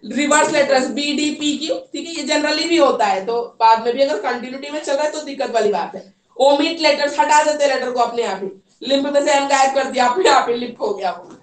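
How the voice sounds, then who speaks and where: Heard from a distance in an echoey, hard classroom, a woman teaches a group of trainee teachers in a clear, high voice. She stops frequently to confirm they're keeping up, sprinkling her explanations with "theek hai" and English terminology.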